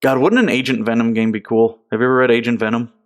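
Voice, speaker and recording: A man's voice: mid-range voice, fairly even intonation, quick pace. A man co-hosting a casual gaming podcast, talking loosely and laughing often. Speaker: podcast co-host.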